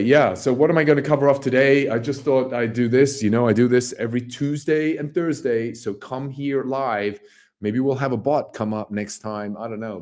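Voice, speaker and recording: On his casual livestream, a company founder gives market commentary in a deep, darkish, slightly hoarse voice. He rambles and stresses his points, repeats phrases, and throws out rhetorical questions.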